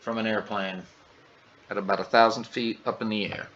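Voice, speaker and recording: A man's voice: lowish voice, fairly even intonation, normal speed, fairly bright tone, a little hiss or hum. A man, casually joking and exclaiming through flight simulator commentary. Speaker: gaming channel host. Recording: dull lo-fi audio, faint ambience.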